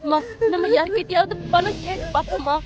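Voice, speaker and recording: An actress playing a young daughter gently comforting her crying mother. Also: very high voice, fairly quick, muffled recording. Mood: soothing. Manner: soothing, coaxing.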